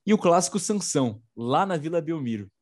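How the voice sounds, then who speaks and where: A man's voice: a little high, expressive, a little fast, a little mellow. A man co-hosting an informal political news show, slangy and sarcastic.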